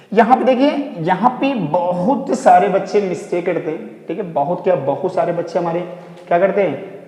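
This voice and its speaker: A man's voice: sits high, dark tone. Echoey male teacher drilling pronunciation. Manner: repetitive, quizzing pupils with rhetorical questions. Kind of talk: classroom lesson. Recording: echoey hall.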